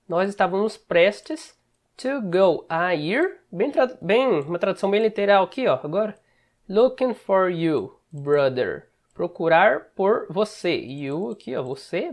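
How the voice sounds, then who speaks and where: Brazilian man teaching English casually. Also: high voice. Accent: Brazilian Portuguese. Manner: explains step by step, often checks in with short asides. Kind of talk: casual screen-share lesson.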